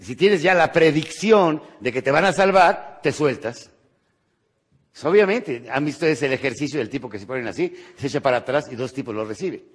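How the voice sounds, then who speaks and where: A Mexican man giving a motivational lecture, animated and rhetorical, tagging his points with quick questions to the audience. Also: mid-range voice, husky. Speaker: motivational speaker.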